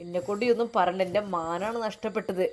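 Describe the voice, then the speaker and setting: A woman voicing an angry, stern middle-aged father who shouts accusations and threats. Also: mid-range voice, steady tone, fast, pitched below the performer's own voice, lightly acted. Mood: furious.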